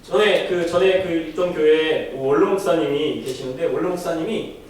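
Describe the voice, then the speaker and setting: A man's voice: fairly high pitch, normal speed. A man preaching a sermon as pastor, telling stories and asking rhetorical questions. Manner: storytelling, rhetorical questions, animated. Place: church sanctuary. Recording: echoey hall, distant mic, faint noise.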